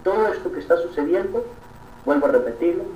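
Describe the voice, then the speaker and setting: A priest preaches with earnest conviction, pausing often to check in with his listeners. His fairly high voice is picked up from a distance in a reverberant space. The recording sounds slightly dull, with faint noise behind it. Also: lively intonation, a little mellow. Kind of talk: sermon.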